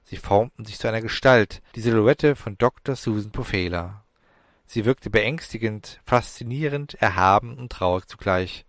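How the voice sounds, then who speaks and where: A man narrates a fantasy story in a measured, dramatic reading. His voice sits on the low side, recorded close on a studio mic with a dry, deadened sound. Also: fairly bright tone, no room sound. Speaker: audiobook narrator.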